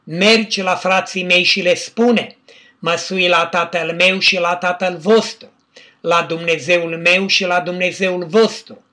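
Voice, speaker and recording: A man delivers a sermon in a measured, deliberate reading voice, quoting scripture and naming its verses. His voice sits high and sounds bright and clear. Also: steady tone. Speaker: preacher. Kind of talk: religious teaching with scripture reading.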